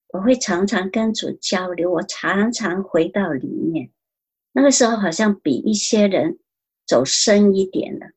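Husky woman giving earnest testimony. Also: medium pitch, a little mellow. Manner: earnest, repeats phrases. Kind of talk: spoken personal testimony.

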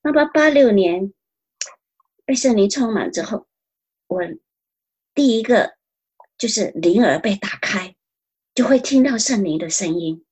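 Husky woman giving earnest testimony. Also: medium pitch, animated, measured pace, long pauses, darkish tone. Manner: earnest, repeats phrases. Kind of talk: spoken personal testimony.

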